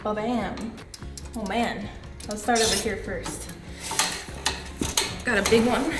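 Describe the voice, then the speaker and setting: Her voice is medium-pitched and slow. She's a young adult woman doing a casual vlog chat, bubbly and playful with lots of laughter and a touch of cold-induced stuffiness, filmed in a living room and then a post office, where roomy sound and background music fill the recording.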